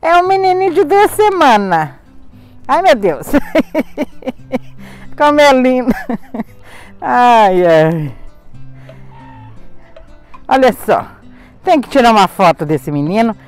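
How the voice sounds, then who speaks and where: A woman's voice: on the high side, sing-song, takes it slowly, pauses often. A Brazilian woman vlogging outdoors on a farm, talking chattily to the camera, exclaiming and laughing often. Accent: Brazilian Portuguese. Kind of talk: casual vlog narration. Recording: music playing under the voice.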